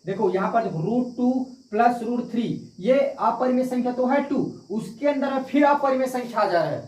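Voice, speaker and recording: Heard through a distant mic in an echoey room, a man with an extremely high, darkish voice teaches math at a normal pace. He keeps repeating key points and asks the class questions, then answers them himself.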